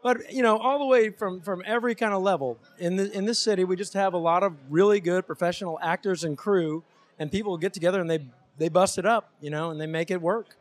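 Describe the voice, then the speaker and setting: A man's voice: high-pitched, fast. A man being interviewed as a filmmaker, chatting in a casual, rambling way. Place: film premiere red carpet at a theater.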